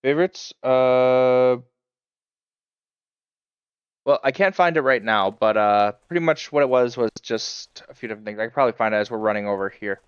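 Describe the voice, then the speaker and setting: Guy rambling on his game stream, lots of uh and um, smooth voice, kinda muffled dry mic. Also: mid-range voice, normal speed, no echo. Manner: rambling, many fillers, chuckling asides. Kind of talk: casual live-stream chat while playing.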